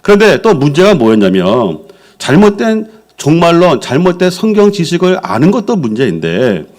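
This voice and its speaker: A man's voice: a little high, moderate pace. A middle-aged male senior pastor preaching a Sunday sermon in a church, telling stories and acting out quoted speech. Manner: lively storytelling preacher, acts out quoted speech. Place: church sanctuary.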